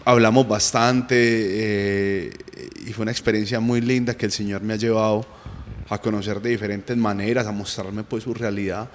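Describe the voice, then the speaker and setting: A man with a Colombian accent casually telling a faith testimony as a guest, lively and self-mocking with frequent chuckles. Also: fairly low pitch, normal speed, in a large hall, slight background noise. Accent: Colombian Spanish.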